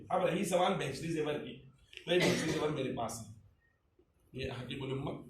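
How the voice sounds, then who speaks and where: A man in the role of Islamic cleric leads a religious discussion, fairly high-voiced and emphatic, firing rhetorical questions at his listener. He sits back from the microphone in a roomy, echoing space. Faint ambient noise hums underneath. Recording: echoey room, distant mic, faint ambience.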